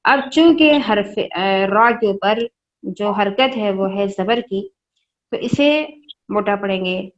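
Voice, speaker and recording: Woman Quran teacher; slow and patient, repeats each sound for kids; muffled lo-fi online call. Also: medium pitch, a little hiss or hum. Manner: patient, repeats and spells out sounds slowly, asks the children questions. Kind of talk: online class teaching Quran recitation to children. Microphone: online class, own mic.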